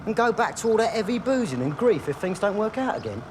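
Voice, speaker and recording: Higher-voiced earnest lad. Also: male voice, big pitch swings, fast, noisy background. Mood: worried. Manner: informal, cautioning.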